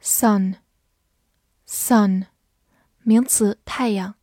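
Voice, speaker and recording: Young woman teacher going through word lists, unhurried, middle pitch, dry voice. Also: fairly even intonation, dark tone, dry recording. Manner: reads each English word twice, slowly and clearly. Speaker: English vocabulary teacher. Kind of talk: recorded vocabulary lesson.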